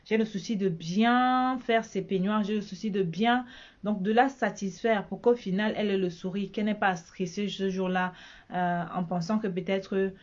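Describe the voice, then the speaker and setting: A woman's voice: medium pitch, fairly even intonation, normal speed, dull audio. A woman from Cameroon with a Cameroonian French accent, chatting casually in a vlog as a bridal shop owner, repeating herself often.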